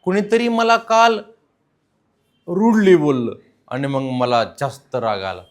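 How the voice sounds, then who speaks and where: A man's voice: a little high, slow. A man with a Marathi accent teaching English grammar to a class, mixing in English words and quizzing his students. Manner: mixes in English words, asks the class questions. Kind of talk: classroom lesson.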